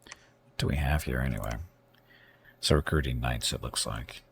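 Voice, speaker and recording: A man thinking aloud as he plays a strategy game on a live stream, halting and correcting himself as he goes. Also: a bass voice, vocal fry, slight background noise. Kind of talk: casual gameplay commentary.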